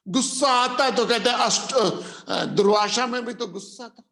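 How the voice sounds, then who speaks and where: A man giving a spiritual discourse as a teacher, telling a folk tale and repeating phrases deliberately for emphasis, slipping English phrases into his talk. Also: very high-pitched, a bit bright. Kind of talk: spiritual discourse with a storytelling aside.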